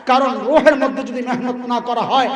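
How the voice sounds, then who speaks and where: A man's voice: very high-pitched, steady tone, normal speed. A man preaching an Islamic sermon to a crowd, quizzing the audience call-and-response style and acting out voices. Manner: acts out voices in quotes. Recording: echoey hall from far off.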